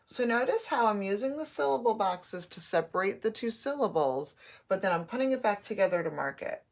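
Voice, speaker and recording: A woman's voice: mid-range voice, lively intonation, brisk. A woman teaching a phonics and spelling lesson, patiently sounding out letters and words.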